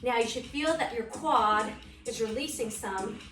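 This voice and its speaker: High-pitched woman aerobics instructor, roomy echo. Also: measured pace, bright, forceful tone. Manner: aerobics instructor delivery, short encouraging commands. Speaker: aerobics and core fitness instructor. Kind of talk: exercise class instruction with counted cues. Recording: roomy echo, distant mic, music underneath. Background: music.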